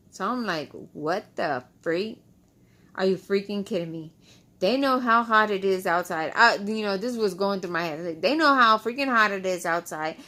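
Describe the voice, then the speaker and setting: A woman's voice: medium pitch, pushed and bright. A woman chatting casually to followers in a frustrated, repetitive way, close to the mic, with the speech of someone wearing loose dentures without adhesive. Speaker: vlogger. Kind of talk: casual storytime chat to followers.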